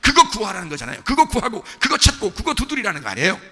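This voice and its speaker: A man's voice: high-pitched, wildly swooping pitch, quick pace, bright, forceful tone, breathy edge, big-room sound, faint music behind. A male pastor preaching to his congregation in a conversational way, asking them questions and acting out a father and his child. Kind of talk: sermon. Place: church sanctuary.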